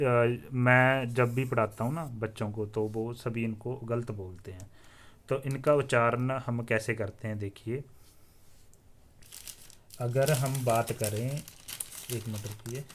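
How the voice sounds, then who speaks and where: A man teaching the alphabet in a slow classroom style, sounding out letters one by one and asking listeners to repeat after him. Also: medium pitch, a bit bright. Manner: drills letters aloud and asks viewers to repeat; often says "theek hai ji" as a filler. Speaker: Hindi teacher.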